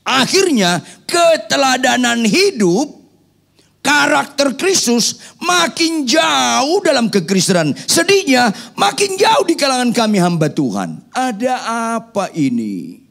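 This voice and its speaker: A man's voice: very high-pitched, wildly swooping pitch, takes it slowly, vocal fry, a bit bright. A man preaching a sermon, firing rhetorical questions at the congregation with playful joking asides. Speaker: pastor.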